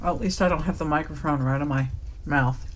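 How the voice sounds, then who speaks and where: A woman's voice: low-pitched, fairly quick. A woman hosting a live craft stream, chatting casually and joking as she shows her steps. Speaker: craft show host. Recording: faint background noise.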